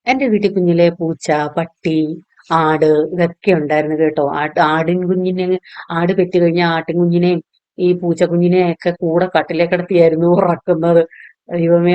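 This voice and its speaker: A woman's voice: on the low side, a little mellow, dry recording, muffled recording. A woman vlogger who makes pickles at home, narrating in a chatty, homely way and often tagging a friendly word onto the end of her sentences. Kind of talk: chatty voice-over vlog narration.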